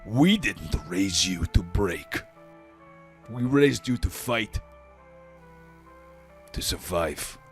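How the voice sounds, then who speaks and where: A man voicing a stern, gruff barbarian father who rants with bitter emphasis, loud and rough. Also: a bass voice, expressive, drawn-out words, pauses often, faint music behind, full character voice. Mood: ranting.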